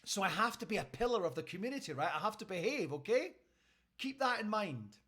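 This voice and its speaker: A man's voice: high-pitched, sing-song, a little fast, sharp tone. A Scottish man, a radio host, telling a story casually on a live stream and checking in with his listeners. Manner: chatty, keeps checking in with listeners.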